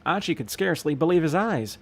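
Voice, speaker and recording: A male gaming streamer reading a visual novel's narration aloud, with a steady voice and the odd slip he corrects. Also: a little high, fairly quick, breathy edge. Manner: steady narrating read with occasional slips and self-corrections.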